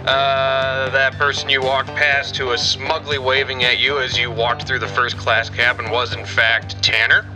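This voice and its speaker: A man putting on an airline pilot giving in-flight announcements, unhurried and official. The words come slow and even, with plucked guitar playing underneath. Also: medium pitch, close to an everyday voice, low-quality recording. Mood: calm official. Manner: calm, measured announcer delivery. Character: male airline pilot making cabin announcements. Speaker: podcast host.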